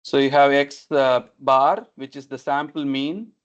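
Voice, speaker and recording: A man's voice: mid-range voice, a little slow, smooth. A man teaching an online class on a video call as a lecturer, explaining step by step, repeating points and checking understanding. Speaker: lecturer teaching numerical methods. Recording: dull, lo-fi online meeting audio.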